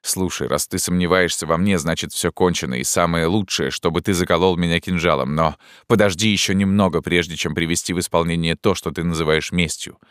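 A man voicing a noble captive man who speaks quietly with sorrow and resignation. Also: sits low, steady tone, brisk, few pauses, no room sound, studio quality. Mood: urgent.

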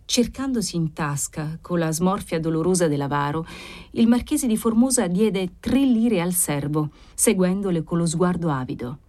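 A woman's voice: lowish voice, a little mellow. Woman reading a classic novel aloud. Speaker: audiobook reader. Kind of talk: literary audiobook narration.

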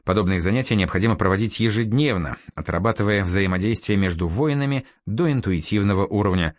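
A man narrating a historical novel as an audiobook, with expressive storytelling delivery. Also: lowish voice, fast talker, no echo.

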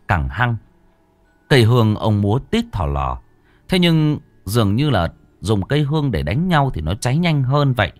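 A man narrating a scripted horror story with lively, dramatic delivery. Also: fairly low pitch. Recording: dry close voice, faint music.

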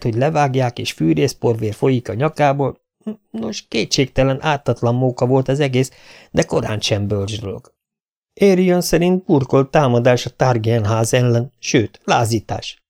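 A man doing a calm, grave royal heir. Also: medium pitch, vocal fry. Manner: measured, reasoning.

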